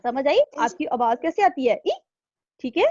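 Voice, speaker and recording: A woman's voice: sits high, animated, brisk, darkish tone, no room sound, lo-fi sound. A woman teaching an online class to young children, patient and repeating herself. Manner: patient, repeats "thik hai?" after nearly every line. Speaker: primary school teacher. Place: home room, online video class.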